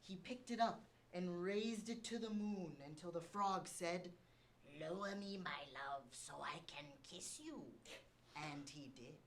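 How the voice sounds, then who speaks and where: Slow deadpan young woman co-host. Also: fairly low pitch, slight background noise, rough recording. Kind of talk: reading a scripted comic tale.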